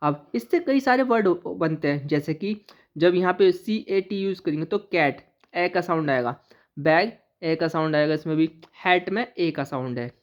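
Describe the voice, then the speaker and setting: A woman teaching an English pronunciation lesson who spells out letters and then says each word slowly and deliberately. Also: lowish voice, animated. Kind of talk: classroom-style lesson explaining pronunciation. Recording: slightly dull, lo-fi recording.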